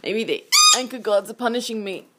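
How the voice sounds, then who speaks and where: A woman's voice: a little high, a little fast, heavy background noise. A woman podcast host with a theatrical, campy manner, rambling playfully and candidly as she records a casual audio diary at home. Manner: playful, candid, self-interrupting chatter. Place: recorded while walking about at home.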